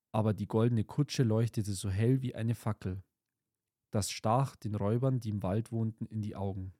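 A man reads a fairy tale aloud in a calm, measured way. His voice is dark and mellow, recorded dry and close with no room sound. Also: on the low side, no room sound. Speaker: narrator.

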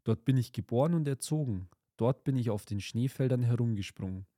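A man's voice: medium pitch, fairly quick, dark tone, dry recording, studio quality, lightly acted. A man voicing a wistful, tethered male reindeer in a fairy-tale reading. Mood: proud.

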